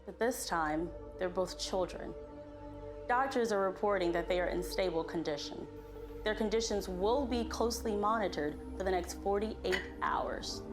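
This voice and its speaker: A woman playing a composed local news reporter, reading a scripted bulletin in a measured, formal manner. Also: medium pitch, natural voice. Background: music.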